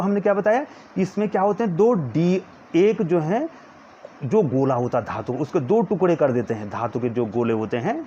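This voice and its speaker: A man teaching a physics lesson to students, slowly dictating notes and pointing at a diagram as he explains. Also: on the high side, darkish tone. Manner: calls students "children" in nearly every line, repeats words slowly for dictation. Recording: dull lo-fi sound with faint background noise.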